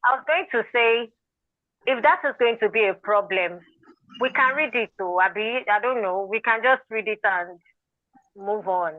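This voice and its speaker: A woman's voice: a little high, normal speed, dry recording. A Nigerian woman talking in a casual online meeting, direct and practical. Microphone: video call. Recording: tinny phone-like online call.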